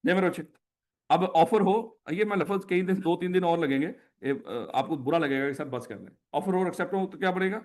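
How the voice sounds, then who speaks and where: A man's voice: high voice, brisk, darkish tone. Pakistani-accented male teacher lecturing a class. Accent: Pakistani Urdu. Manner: repetitive questioning, affectionate and teasing.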